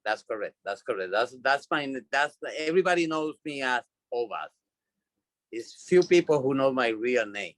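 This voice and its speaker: Lively in intonation and a bit bright, this medium-pitched man speaks at normal speed with no room sound. He's a Puerto Rican doll designer with a Puerto Rican Spanish accent, guesting in a casual interview and restarting and repeating words along the way.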